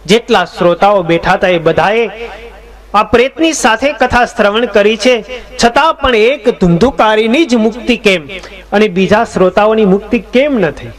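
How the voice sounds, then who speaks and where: A man voicing a devout, gentle young man who asks earnest questions. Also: high-pitched, moderate pace, pitched above the performer's own voice, natural voice.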